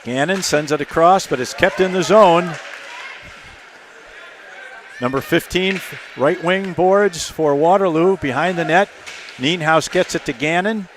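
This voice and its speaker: A man's voice: a little high, a little slow, long pauses, a faint crowd, slight background noise. Man calling hockey play-by-play. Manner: steady call that rises to shouts on shots and goals. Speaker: play-by-play announcer.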